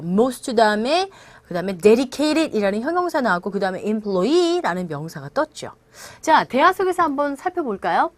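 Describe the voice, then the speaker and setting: A woman leads an English lesson with a lively, rising-and-falling voice that sits a little high. She speaks unhurriedly and explains phrases in Korean after reading each example. The sound is close and dry. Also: no echo. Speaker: English teacher.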